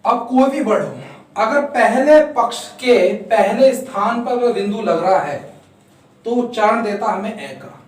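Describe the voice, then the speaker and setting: A man's voice: sits high, animated, unhurried. Male teacher, patient step-by-step counting, very echoey room, voice far from the mic. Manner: counts out strokes, asks and answers own questions. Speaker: shorthand teacher. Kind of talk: step-by-step lesson.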